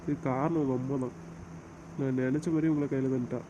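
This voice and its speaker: A man's voice: mid-range voice, fairly even intonation, fairly quick, mellow, highs cut off, a little hiss or hum. A young man playing a father in a homemade drama, cooing and coaxing his baby daughter. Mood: tender. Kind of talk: amateur web drama acting.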